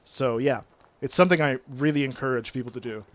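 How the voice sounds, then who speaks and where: Dry recording of a brisk, mid-range male voice with a regional French accent; he's a native speaker. Chatty on a game stream, he reads viewers' messages out loud and likes to use big words.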